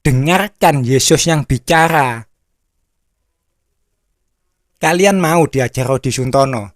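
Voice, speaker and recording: Slow, blunt preacher. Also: male voice, mid-range voice, no room sound, clean studio sound. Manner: blunt, repetitive storytelling. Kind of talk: sermon.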